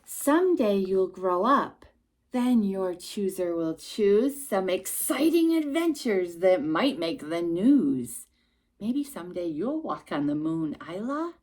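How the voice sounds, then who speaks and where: Slowly and at a medium pitch, a woman reads a rhyming picture book to a young child. As storytime host she is expressive and emphatic, slipping in small asides to her listener.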